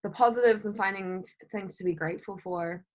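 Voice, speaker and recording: A woman's voice: mid-range voice, a little fast. A woman co-hosting a podcast, talking in a reflective, thoughtful way during a casual chat. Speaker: podcast co-host.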